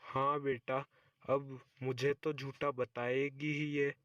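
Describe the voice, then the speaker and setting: A man's voice: mid-range voice, level tone, takes it slowly, a bit bright, no room sound, lo-fi sound. A man voicing a nagging, scheming old mother-in-law in a cartoon story, complaining and playing the victim. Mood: whining.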